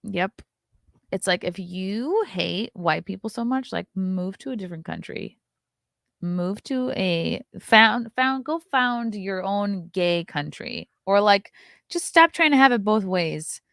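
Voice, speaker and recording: A woman in her thirties hosts a casual livestream, reading chat comments aloud and firing back blunt, sarcastic remarks laced with frequent swearing. Her medium-pitched voice has a fairly bright tone, recorded at studio quality with no echo.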